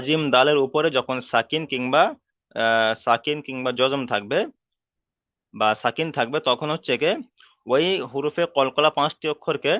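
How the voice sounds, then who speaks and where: A man's voice: mid-range voice, no room sound, highs cut off. Patient male recitation teacher. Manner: patient, repeats and spells out letters slowly. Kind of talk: online class lesson.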